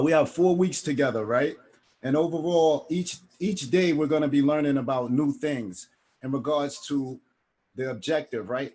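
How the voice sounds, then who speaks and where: A man's voice: fairly high pitch, a little mellow. Casual man teaching an online class. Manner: casual, keeps adding "right?". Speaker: instructor. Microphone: video call.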